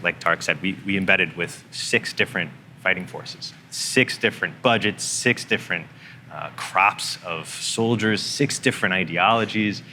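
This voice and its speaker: Reporter, male; very low voice with a bright edge, relaxed and filler-heavy speech. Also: slight background noise. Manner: loose, conversational, many fillers. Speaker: journalist. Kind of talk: interview conversation.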